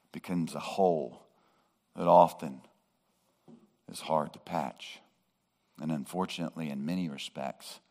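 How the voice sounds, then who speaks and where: Male pastor, deep low voice, slow and deliberate sermon delivery with emphatic rises. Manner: slow, measured preaching that rises to emphatic peaks.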